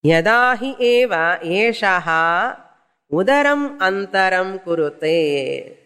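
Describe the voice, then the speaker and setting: A man's voice: sits high, animated, slow pace, pushed and bright, clean tone. A man with a South Indian Tamil accent giving a scriptural lecture, explaining Sanskrit terms phrase by phrase in a didactic way. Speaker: spiritual teacher. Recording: long hall reverb.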